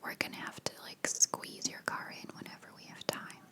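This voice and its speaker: A woman whispering in a hushed voice, chatting casually in a rambling ASMR style. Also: normal speed. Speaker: ASMR video creator.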